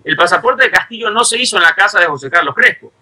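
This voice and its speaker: A man's voice: high voice, expressive, fast talker, sharp tone, poor audio. A man, a journalist from Ecuador, arguing insistently in a heated football debate, pressing points with repeated rhetorical questions. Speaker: journalist panelist.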